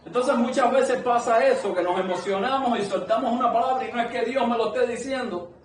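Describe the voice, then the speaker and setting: His voice is extremely high and his pace brisk as this man preaches earnestly and conversationally to a small congregation, firing off many rhetorical questions. Slight background noise is present, and the distant mic captures an echoey room.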